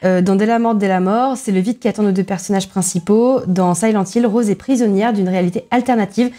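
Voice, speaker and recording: Woman, mellow voice, chatty film talk. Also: mid-range voice, fairly even intonation. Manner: many filler pauses, restarts, self-deprecating asides. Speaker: film podcast co-host. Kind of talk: casual film analysis chat.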